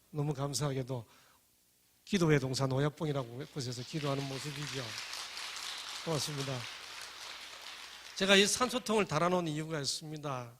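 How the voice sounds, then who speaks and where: A middle-aged man giving a lively personal testimony talk, acting out the voices of the people in his story. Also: medium pitch, in a large hall, slight background noise. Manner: lively, acts out quoted voices.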